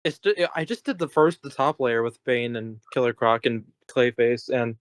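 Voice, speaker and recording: A man's voice: mid-range voice, moderate pace, no room sound. A man co-hosting a casual art podcast, rambling with lots of restarts and the odd swear word. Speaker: podcast co-host. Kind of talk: casual chat.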